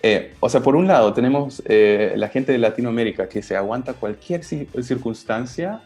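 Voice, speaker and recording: A man's voice: mid-range voice, normal speed, darkish tone, faint music behind. A man from Germany with German as his first language, a podcast guest speaking thoughtfully with hesitant fillers. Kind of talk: casual conversation.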